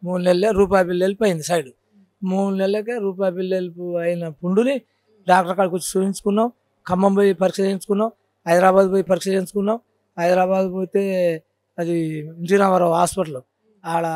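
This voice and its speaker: A man's voice: high voice, fairly even intonation, a little fast, pauses often, a little mellow, no room sound. A man with a Telangana Telugu accent, a folk storyteller telling his cancer story in an interview, earnest and repeating his points. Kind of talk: casual interview.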